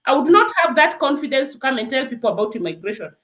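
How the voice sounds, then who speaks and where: Urging her listener on with earnest conviction, a Kenyan nurse gives emphatic interview testimony in a high, lively voice that swings up and down. She talks fast and keeps repeating "let me tell you," with a bit of echo from the room.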